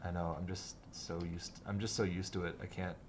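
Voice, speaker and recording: A man's voice: low-pitched, flat delivery, fairly quick, noisy background. A man hosting a livestream, chatting casually while he sketches, rambling and hesitant with sudden laughs. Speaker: livestream host and designer. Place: office studio.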